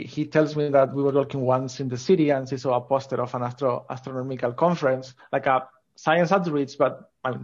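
On a muffled recording, a mid-range male voice belongs to a scientist guesting on a podcast. Hailing from Asturias in northern Spain and speaking with a Spanish accent, he's eager and casual throughout the conversational interview.

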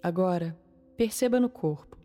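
A Brazilian woman leading a guided meditation in a calm, soothing manner, leaving long pauses between short phrases. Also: on the low side. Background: soft music.

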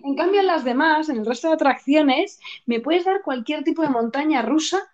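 High-voiced woman, candid chat. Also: expressive, moderate pace, dull audio. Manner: candid, laughing, jumps between pitches when acting things out. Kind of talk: casual chat.

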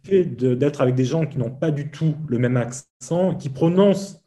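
A man from southeast France with a softened southern French accent, chatting casually and hesitantly, with many fillers. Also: on the high side, moderate pace. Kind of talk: casual conversation.

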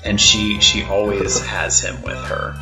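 Slow-talking man running a tabletop game. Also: fairly low pitch, flat delivery, music in the background. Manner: casual, describing with fillers. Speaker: game master.

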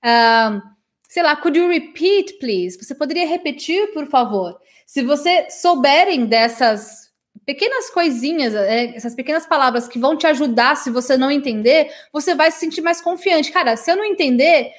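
A woman with a bright, high-pitched voice gives a live English lesson to her viewers. She is from Brazil and talks in a chatty, affectionate way, checking in with her audience and often tagging her sentences with little questions. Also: lively intonation, normal speed. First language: Portuguese. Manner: chatty and warm with her audience, many "né?" tags. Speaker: English teacher.

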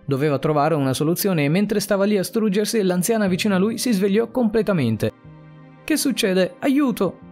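A man's voice: high-pitched, animated, fast talker, few pauses, a little mellow, faint music behind. A man reading a scripted suspense story aloud, with a dramatic, suspenseful delivery. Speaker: narrator.

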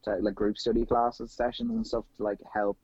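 A man's voice: on the low side, little pitch movement, normal speed, a little mellow, breathy edge, no room sound, dull audio. A young Irish man in his twenties, a nurse guest, chatting casually on a podcast in a rambling way. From Ireland.

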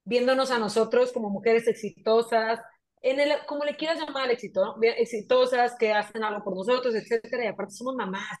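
A middle-aged Mexican woman with a Mexican accent, telling stories in a lively casual chat and acting out quoted voices. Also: a little high, a little fast. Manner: animated, acts out quoted voices.

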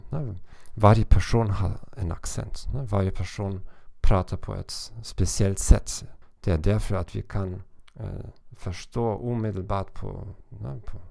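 Deep, gravelly-voiced man hosting a podcast. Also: fairly even intonation, hardly any pauses, mellow, no echo, studio quality. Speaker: podcast host and language teacher. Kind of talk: informal podcast monologue.

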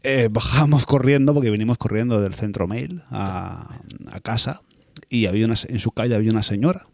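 A man's voice: mid-range voice, expressive, fairly quick, gravelly, no room sound, clean studio sound. A man from in casual podcast chat, asking questions and telling stories. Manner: questioning, storytelling. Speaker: podcast co-host.

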